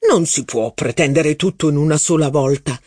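A man's voice: on the high side, dark tone, no echo, studio quality, natural voice. A man reading the lines of a blustering, self-centered aristocratic duke in an audiobook. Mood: cheerful. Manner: blustering, quick to temper.

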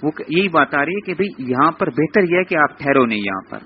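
Man teaching a class, steady voice, often checking that students follow, muffled lecture recording. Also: a little high, a little hiss or hum. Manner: repeats "theek hai" as a check-in; explains slowly, spelling out letters. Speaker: Quran teacher. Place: lecture room.

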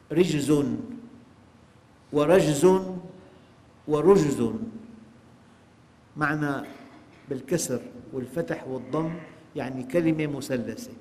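A man's voice: fairly high pitch, darkish tone. A man giving a religious lecture on scripture, preaching emphatically and asking his listeners rhetorical questions. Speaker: sheikh giving Quran exegesis. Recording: long hall reverb.

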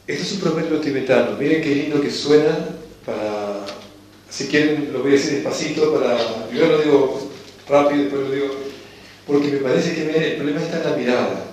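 Calm Rioplatense man lecturing in an echoey hall. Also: medium pitch, far from the mic, slight background noise. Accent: Rioplatense Spanish. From Argentina. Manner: calm and unhurried, slowing down to repeat key phrases. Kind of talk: reflective spiritual lecture.

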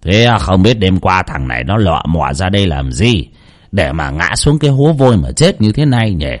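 A man's voice: sits low, big pitch swings, normal speed. A man voicing a deferential young village man in a horror audiobook, speaking in a placating, apologetic way. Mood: musing.

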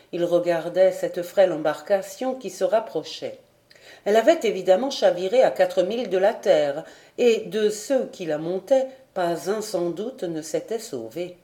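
A woman reading a classic adventure novel aloud in a clear, measured narration. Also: medium pitch, animated, mellow. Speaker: audiobook reader. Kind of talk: scripted narration.

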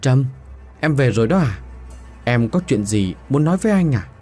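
An earnest young man in a spoken ghost story, asking anxious questions with a lively lilt, as the narrator voices him. The tone is dark and a little husky. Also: mid-range voice, normal speed, faint music behind. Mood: earnest worried. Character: young man, anxious boyfriend of the dead girl.

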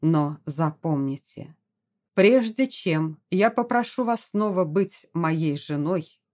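A woman voicing a proud young English lord in an audiobook, speaking low with restrained intensity. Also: mellow.

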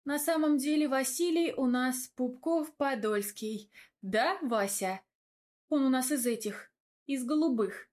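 A bossy young woman doctor barks orders and dry threats in a higher, pushed voice, as a woman reading the story puts her on. She sounds stern and mocking. The delivery is an audiobook reading. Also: a little slow, a little mellow. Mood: teasing.

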